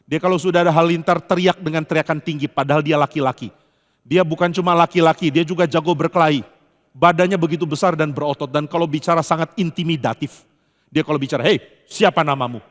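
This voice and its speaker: A male pastor preaching in a church and leaning hard on key phrases, which he drags out slowly. His voice sits high for a man, and he mixes in humorous stories. A long hall reverb hangs behind every word. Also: steady tone. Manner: storytelling with humor. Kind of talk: sermon.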